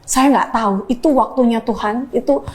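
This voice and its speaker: A woman's voice: fairly high pitch, moderate pace, darkish tone. A woman sharing a personal faith testimony in earnest storytelling, slipping English phrases into her speech.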